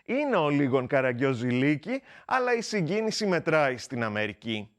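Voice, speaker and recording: Male film show host, opinionated commentary, animated pitch, higher voice. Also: fairly quick.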